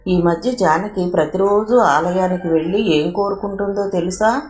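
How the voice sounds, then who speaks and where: A woman's voice: fairly low pitch, moderate pace, a little mellow, natural voice. A woman voicing a young woman friend who talks bluntly and playfully. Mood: teasing. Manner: direct, playful. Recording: roomy echo.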